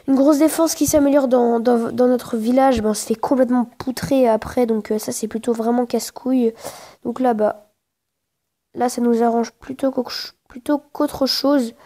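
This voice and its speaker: Casting: female gamer, higher-pitched yet soft-toned, casual play-by-play, slangy grumbler who repeats herself while thinking. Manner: informal slangy speech, often swearing in frustration; hesitant, repeats phrases while thinking aloud. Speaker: gaming video creator. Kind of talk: casual live gameplay commentary.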